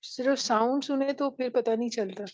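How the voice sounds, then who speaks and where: A woman's voice: a little high, fairly even intonation. A woman student politely asking her teacher a question in an online class.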